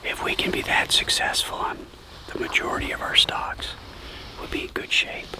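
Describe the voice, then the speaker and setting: A man whispering field commentary outdoors as he stalks game, hushed and eager. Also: normal speed, low-quality recording. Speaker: hunter narrating a hunt. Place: outdoors in open brush country.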